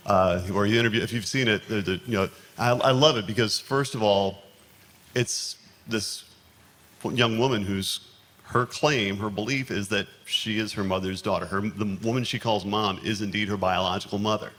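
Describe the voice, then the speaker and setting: A teacher on a panel, speaking haltingly with many restarts and fillers. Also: male voice, lowish voice, fairly bright tone, in a large hall. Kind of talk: panel discussion.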